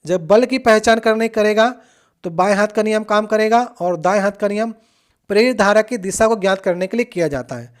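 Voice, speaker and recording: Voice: mid-range voice, fairly quick. A coaching teacher patiently talking through past exam questions, addressing the students directly and often checking in with them.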